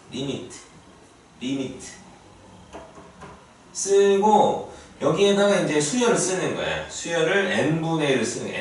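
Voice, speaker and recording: A man teaching a math lesson to a class, often checking that students follow. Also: a little high. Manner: lively, asks students frequent check-in questions. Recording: echoey classroom from far off, faint noise.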